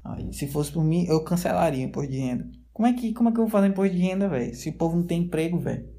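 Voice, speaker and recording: A man's voice: a little high, animated, very fast, warm tone. A man talking straight to his viewers in a casual, rambling monologue, full of slang fillers and loose tangents, recorded indoors at home. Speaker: vlogger.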